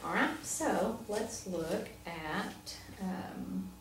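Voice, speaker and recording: A woman's voice: mid-range voice, drawn-out words. Brief: woman tutor leading a phonics lesson, guiding questions; recorded from far off over heavy AC noise. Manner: patient, encouraging, asks guiding questions. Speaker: reading teacher. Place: classroom. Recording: echoey room, distant mic, loud AC hum. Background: air conditioner hum.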